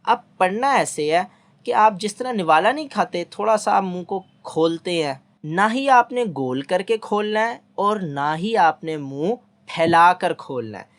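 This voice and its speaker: A patient man gives a recorded lesson on reading letters, spelling out each sound clearly and repeating himself often. He keeps pausing to check that his listeners are following along. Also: high-pitched, lively intonation. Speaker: Quran reading teacher.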